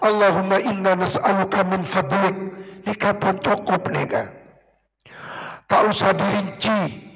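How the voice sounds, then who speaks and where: A man's voice: sits high, gravelly, fairly bright tone. A man teaching Quran commentary, drawing out Arabic phrases and pleading in prayer. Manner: slow, drawn-out chanting of Arabic, emotional pleading prayers. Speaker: kyai teaching tafsir. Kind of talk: pesantren kitab study sermon. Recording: long hall reverb.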